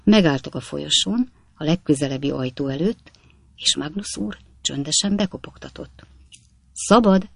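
Gravelly man narrating an audiobook. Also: on the high side, a bit bright, dry recording. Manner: measured storytelling. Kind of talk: scripted narration.

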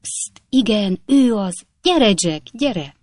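A woman's voice: mid-range voice, expressive, darkish tone, no echo, pitched above the performer's own voice, close to an everyday voice. A woman voicing a cheerful young male medical student who eagerly welcomes guests in a bustling, raised voice. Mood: hearty welcoming.

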